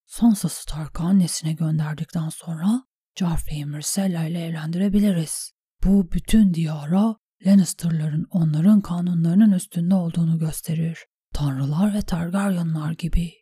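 Brief: woman reader doing a cynical, mocking knight in an audiobook, dark tone, dry sound. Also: on the low side, moderate pace, breathy edge, no room sound. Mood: whispered scheming. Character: cynical noble male knight, sardonic.

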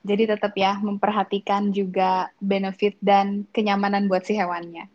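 A woman's voice: mid-range voice, level tone, a little mellow. Eager woman podcast host, dull audio. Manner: friendly, eager interviewer with quick affirmations. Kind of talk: casual interview chat. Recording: slightly dull lo-fi sound.

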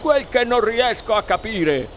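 A man's voice: sits high, sing-song, unhurried, a bit bright, slight background noise, pitched above the performer's own voice, full character voice. A male reader voicing a blunt, grumbling father who protests in a storybook reading.

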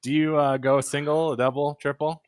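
A man's voice: a little high, little pitch movement, normal speed, no echo, studio quality. A man hosting a casual gaming podcast, upbeat and chatty as he runs the introductions and asks questions. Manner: upbeat, chatty host who reads the intro. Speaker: podcast host.

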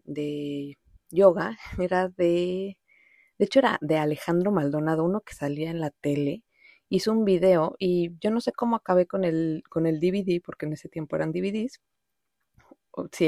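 Sounding fairly low and warm, a Mexican-accented woman from Mexico City hosts a podcast of casual, reflective storytelling. She rambles informally through personal reflections, slipping in the odd English word, and the studio sound is clean with no echo.

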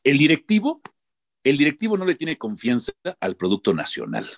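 Emphatic animated man arguing football. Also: mid-range voice, normal speed, creaky. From born outside Mexico. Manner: emphatic, animated, repeats himself. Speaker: football pundit. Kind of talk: heated panel debate.

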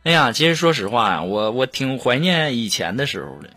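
Lively male joke-teller over music. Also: medium pitch, fairly quick. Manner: animated storyteller, exclamations. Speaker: host reading joke submissions. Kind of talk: casual joke-telling monologue. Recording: steady background music under voice. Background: background music.

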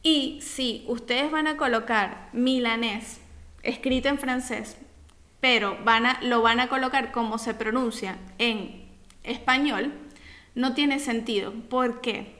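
A woman's voice: on the high side, slow pace, sharp tone. A woman co-hosting a casual podcast, explaining points in an emphatic, teacherly way. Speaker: podcast co-host.

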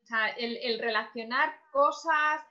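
A woman's voice: on the high side, measured pace, sharp tone, lo-fi sound. A woman speaking as a guest in a casual podcast chat, chatty, with many fillers and frequent laughs.

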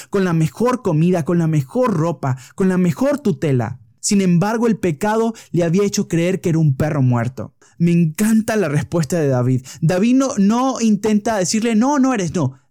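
A man's voice: sits high, dark tone, no room sound, clean studio sound. A man preaching a sermon, telling a story vividly and stressing points through repetition. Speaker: pastor.

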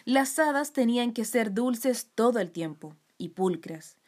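A woman reading a children's story aloud with gentle, expressive storytelling. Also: on the high side, a little slow.

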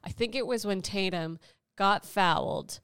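A woman's voice: mid-range voice, unhurried, a bit bright, smooth, dry recording. A woman co-hosting a casual sports betting talk show, chatty and teasing with a fan's enthusiasm. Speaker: co-host.

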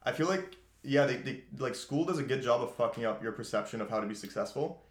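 An Austrian man in his twenties hosts a casual podcast, speaking quickly and animatedly at medium pitch. He's loose and candid, saying "like" a lot and swearing often, and the room sounds echoey.

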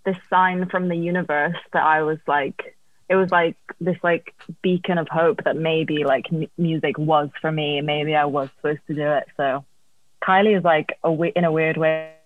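A woman's voice: low-pitched, steady tone, normal speed, no room sound, narrow, tinny audio. A woman songwriter being interviewed, chatting casually about her career over thin call audio. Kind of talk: casual chat, telling career story.

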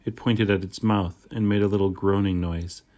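A man narrating a children's chapter book aloud, telling the story in the first person. His voice sits on the lower side. The storytelling is steady and plain. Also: moderate pace. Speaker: audiobook narrator.

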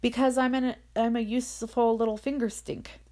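Brief: woman playing a cheeky, unrepentant street boy, curt rough speech, gravelly edge, storybook reading. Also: fairly high pitch, flat delivery, normal speed, dark tone, voice pushed up, close to an everyday voice. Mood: defiant. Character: poor defiant teenage boy, blunt and unrepentant.

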